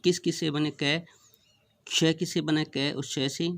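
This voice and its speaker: Gravelly man teaching a grammar lesson. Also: on the high side, fairly even intonation, unhurried, fairly bright tone. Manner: asks questions and answers them himself; counts out and lists letters one by one. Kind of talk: classroom revision lesson.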